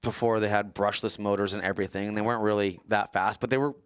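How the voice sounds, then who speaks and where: A middle-aged man from Southern California, co-hosting a casual podcast and telling stories in animated bursts. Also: lowish voice, fast talker, clean tone, dry recording, clean studio sound. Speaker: co-host.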